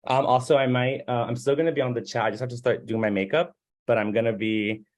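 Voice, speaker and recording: A man from Miami speaks informally on a panel, halting and conversational as he thinks aloud. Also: mid-range voice, steady tone. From Miami, United States.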